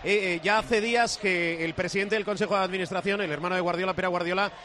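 Bright, high-voiced male match reporter from Spain. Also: steady tone, fast, slight background noise. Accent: Spanish, from Spain. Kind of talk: live football radio reporting.

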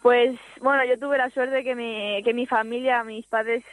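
A teenage girl from Spain speaks over a phone line, answering shyly with many pauses and little laughs. Her voice stays flat in pitch, and the line sounds dry and close. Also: no room sound. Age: teens. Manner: shy, hesitant, laughs often. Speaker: youth footballer guest. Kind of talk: phone interview.

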